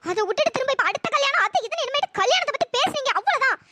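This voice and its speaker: A voice actor playing a young wife in a cartoon story, heartbroken and bitter, with a high pitch-shifted voice. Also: animated, very fast, sharp tone, dry recording, heavily acted. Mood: irritated. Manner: wailing then scornful.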